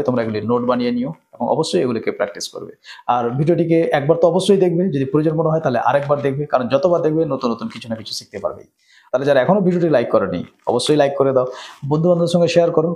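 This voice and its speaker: Teaching English grammar with a Bengali accent, this man explains every rule, checks in with frequent "right?"s and reads examples slowly. His voice sits in the mid-range and sounds a little mellow.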